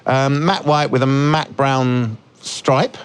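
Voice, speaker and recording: A man's voice: mid-range voice, slow pace, smooth. A man co-hosting a casual car podcast, asking questions and teasing his co-host. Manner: inquisitive, teasing, lively. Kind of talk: casual chat about cars.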